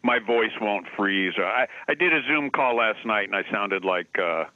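A man who is a guest musician, talking in a relaxed, casual way over a landline phone and laughing easily. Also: fairly low pitch, unhurried, dry recording. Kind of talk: casual chat. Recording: dull lo-fi phone line, faint hiss.

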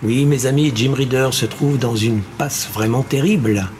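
A man voicing a slick, dramatic male television game-show host in an audiobook, working the audience with theatrical pauses and cries. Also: mid-range voice, a little mellow, soft background music, close to an everyday voice. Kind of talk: audiobook character voice.

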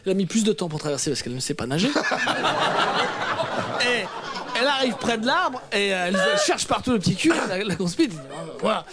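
A man's voice: high-pitched, big pitch swings, brisk, pauses often, very noisy. A man telling a joke on a radio comedy panel, hesitant and rambling, stumbling over his own story. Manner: hesitant, rambling, self-interrupting. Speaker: guest comedian. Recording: studio audience laughter.

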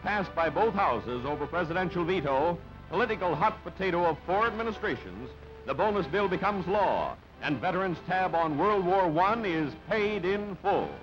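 With lively intonation and a voice that sits high, a man narrates a newsreel script at normal speed. The style is clipped, punchy and dramatic. Music accompanies him on the dull, band-limited old soundtrack.

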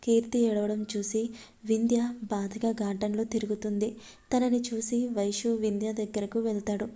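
Dark, mellow woman storyteller. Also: medium pitch, level tone, normal speed. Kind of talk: scripted narration of a love story.

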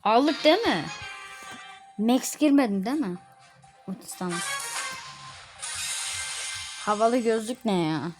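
A woman gives relaxed, unhurried commentary over her own gameplay, her voice sitting a touch higher than most. She chats and now and then shouts at her teammates. Game music plays clearly underneath the whole time. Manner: chatty, yells at teammates mid-match. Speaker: gaming video creator.

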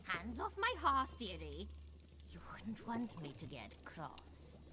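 A woman's voice: mid-range voice, wildly swooping pitch, slow. A woman voicing a wicked old witch hag in a video game, cooing with mock-sweet menace. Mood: cooing threat. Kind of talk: video game character acting.

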